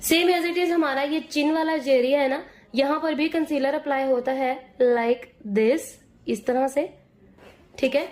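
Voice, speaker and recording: A hoarse woman patiently explaining a makeup tutorial step by step, pushing her voice and checking in with her viewers often. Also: high-pitched, fairly even intonation, measured pace, a little mellow, roomy sound, a little hiss or hum.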